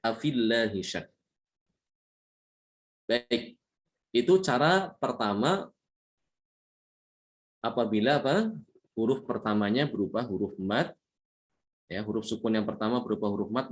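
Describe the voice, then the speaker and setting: A man teaching a tajwid lesson, explaining patiently, repeating points and slowly chanting Arabic examples. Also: on the low side. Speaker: Quran recitation teacher.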